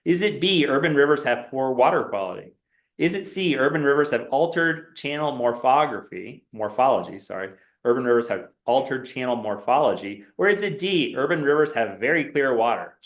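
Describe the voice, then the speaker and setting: In an echoey lecture classroom, a male instructor runs a quiz review game, reading multiple-choice options aloud with a rising, questioning tone. His medium-pitched voice is animated and fairly quick.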